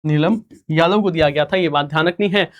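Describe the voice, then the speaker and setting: A man's voice: on the high side, a little hiss or hum. A man teaching a recorded exam-prep lesson, firing off questions and repeating each answer twice. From India. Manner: rhetorical questions and repeated answers, student-style replies; fast-talking.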